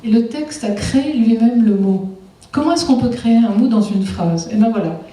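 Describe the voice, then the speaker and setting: A woman delivers a public lecture, her mellow, fairly high voice drawing the audience in with constant questions. She sounds distant from the microphone in a very echoey hall. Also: lively intonation, normal speed. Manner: engaging, asks the audience frequent rhetorical questions. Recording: echoey hall, far from mic.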